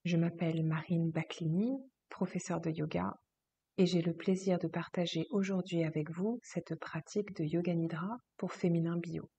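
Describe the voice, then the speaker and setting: A yoga teacher guides a relaxation session in a slightly low, very mellow and soft voice with a breathy, husky edge. Each instruction comes slowly and soothingly in a steady tone, with long pauses between phrases, and the sound is lo-fi.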